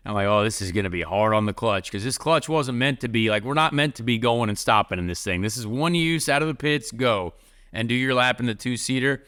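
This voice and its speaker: Podcast host, man, bright forceful voice, rambling casual storyteller. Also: mid-range voice, fairly quick, smooth. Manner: rambling, heavy use of "like".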